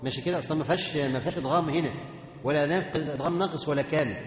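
A man's voice: on the high side, crowd noise. Egyptian man teaching recitation, echoey hall. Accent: Egyptian Arabic. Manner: demonstrates sounds by chanting slowly, then explains quickly. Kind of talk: tajweed lesson to students.

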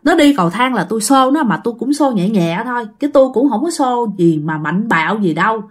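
A woman's voice: on the high side, lively intonation, a little fast. A woman voicing a spiteful female ghost who haunts a staircase, scolding with contempt. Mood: scornful.

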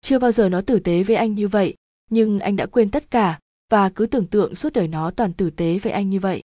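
A woman's voice: mid-range voice, brisk, dark tone, no room sound, clean studio sound. A woman reading a literary story aloud as narrator, dramatic and emotive.

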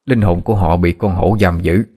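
A man doing Aphone, a low calm woodsman. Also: moderate pace. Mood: explaining. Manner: steady, matter-of-fact, explaining. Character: seasoned man of the forest, calm and knowing.

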